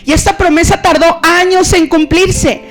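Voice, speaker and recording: Woman pastor, conversational sermon, high voice, faint music behind. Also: normal speed. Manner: animated, conversational, acts out stories.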